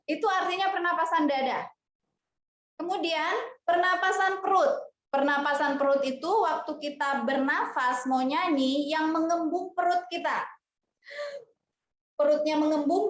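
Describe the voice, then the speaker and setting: High-voiced woman teacher, slow and roomy. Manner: chatty, explanatory, addresses students directly. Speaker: music teacher. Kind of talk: casual classroom explanation. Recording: echoey room, dull lo-fi sound.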